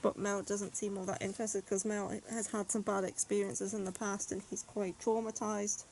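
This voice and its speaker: Casual reviewer, woman, chatty and rambling, mid-pitched, faint hiss behind. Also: flat delivery, moderate pace, a little mellow, rough recording. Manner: chatty, rambling, frequent "like" and "yeah". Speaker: manga reviewer.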